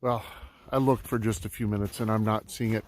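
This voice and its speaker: A man's voice: lowish voice, fairly even intonation, a little fast, a little mellow, a little hiss or hum. A man narrating a casual outdoor vlog in snowy woods, easygoing and full of ums and uhs, talking to a camera set up on the trail. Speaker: metal detecting vlogger.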